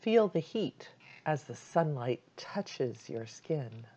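Woman meditation guide: low, very slow, soothing delivery, slightly muffled recording. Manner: calm, soothing, unhurried instructions with long pauses.

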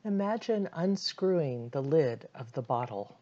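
A woman leading a guided meditation in a calm, soothing voice, giving gentle instructions with long pauses. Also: deep voice, muffled recording.

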